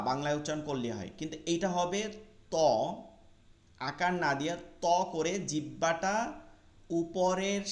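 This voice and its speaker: A man leads an online Quran pronunciation lesson in a fairly high voice. He patiently repeats each sound slowly so his students can copy it. The room around him is echoey. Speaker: Quran recitation teacher.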